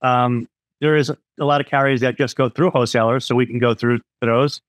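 A middle-aged independent insurance agent explains things frankly over a video call, filling his talk with lots of "um"s and "you know"s. His medium-pitched voice stays steady and runs a little fast, with no room sound at all.

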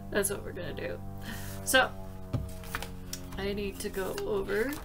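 A woman in her forties hosting a casual craft vlog, chatting to viewers and rambling as she narrates each step aloud. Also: medium pitch. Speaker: craft channel host. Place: small craft room at home, indoors. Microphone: laptop webcam at arm's length.

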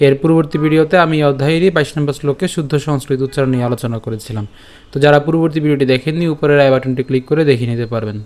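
Man slowly teaching verse pronunciation. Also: a little high, a little mellow. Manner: repeats words in syllables, checks in with listeners; chants verse slowly and deliberately. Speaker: Gita recitation teacher. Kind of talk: slow step-by-step pronunciation lesson.

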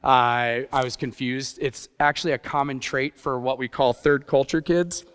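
Speaking at normal speed in a medium-pitched, steady, smooth and slightly bright voice, a middle-aged guest preacher gives a casual sermon. This youth pastor, who grew up partly in Japan, pokes fun at himself and asks rhetorical questions from an indoor church stage, his words echoing around the hall.

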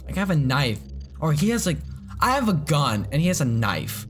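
A man commentating his horror gameplay, loudly exasperated and swearing at the game. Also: fairly high pitch, very animated, normal speed. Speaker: gaming YouTuber. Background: game music.

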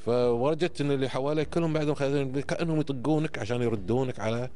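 This medium-range male voice is dark-toned and rapid-fire, belonging to a podcast guest in his fifties with a Kuwaiti Gulf Arabic accent. He explains forcefully, teacher-style, dropping frequent tags to check understanding. He's recorded in an indoor studio on a close microphone mounted on a boom arm.

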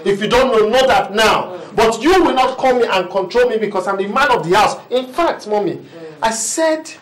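A man's voice: sits high, expressive, moderate pace, a bit bright. A man with a Nigerian accent playing a proud, defensive husband devoted to his mother. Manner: blustering, defensive. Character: proud mama's-boy husband, blustering. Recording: echoey room.

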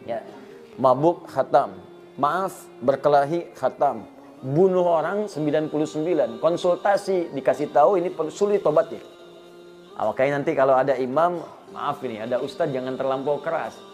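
A middle-aged man preaching a sermon, telling stories with acted dialogue and recited verses, swinging between loud emphasis and soft asides. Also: fairly high pitch, normal speed, soft background music. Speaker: Islamic preacher.

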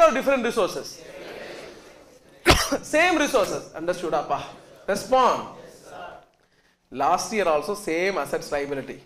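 A South Indian-accented man lectures in a classroom with a very high voice. He is emphatic and repetitive, often checking that students follow. The room gives his voice a clear echo. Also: fairly bright tone. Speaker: accountancy teacher. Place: indoor classroom. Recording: echoey classroom sound.

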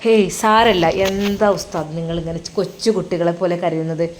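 A woman's voice: fairly low pitch, moderate pace, slight background noise, pitched below the performer's own voice, natural voice. A woman voicing a kindly male religious teacher who comforts his friend in a coaxing, reassuring way. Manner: coaxing, reassuring, gently teasing.

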